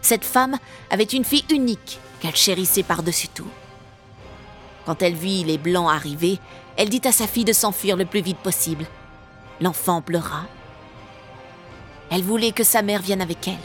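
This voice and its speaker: A woman reading aloud voices a vengeful older witch in a storybook, speaking in a menacing, hushed growl. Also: on the low side, moderate pace, long pauses, faint music behind, natural voice. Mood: storytelling.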